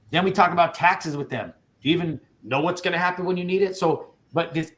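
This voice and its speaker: A man who owns an insurance agency, giving an energetic, casual training talk to his agents over a video call, fired up and saying dude and bro. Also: a little high.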